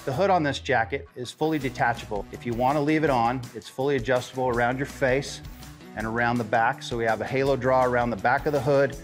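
A middle-aged man, a ski shop salesman, giving a steady, friendly product demonstration of a jacket. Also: mid-range voice.

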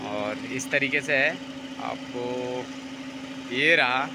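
An Indian man speaks very slowly at a medium pitch while vlogging a tour of a factory, covering a large workshop and its yard. His informal narration repeats itself, captured on a handheld phone with background noise.

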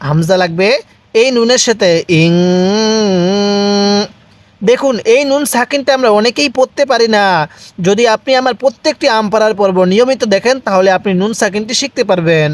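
A man teaching Quran recitation step by step, spelling out letters and vowel marks, then reciting slowly and asking viewers to repeat after him. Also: high-pitched, expressive, no room sound. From Bangladesh. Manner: asks viewers questions, then answers them himself.

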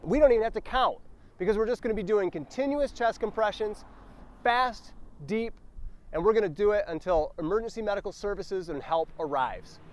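A man's voice: sits high, expressive, brisk. An American man in his forties giving an emphatic, step-by-step instructional demonstration as a CPR instructor, speaking outdoors. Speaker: CPR and first aid instructor. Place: outdoors on a roadside sidewalk.

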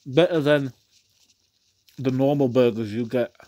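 A man's voice: mid-range voice, a little slow, dark tone, no echo. A man reviewing food in a casual vlog. He talks with his mouth full while chewing, and he rambles and repeats himself, keen on the meal. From England.

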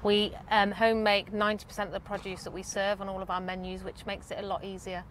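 A woman's voice: mid-range voice, little pitch movement, fast, fairly bright tone, slight background noise. A woman director of operations answering interview questions outdoors in a garden, earnest, with frequent fillers.

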